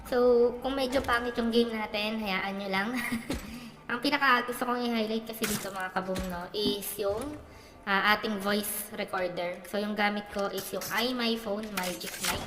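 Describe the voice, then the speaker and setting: A woman's voice: mid-range voice, fairly even intonation, normal speed, echoey room, long reverb tail, over music. Chatty Filipino woman through a voice changer. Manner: chatty, code-switching, laughs often. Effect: real-time voice changer. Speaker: gaming channel host. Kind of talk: casual gameplay commentary.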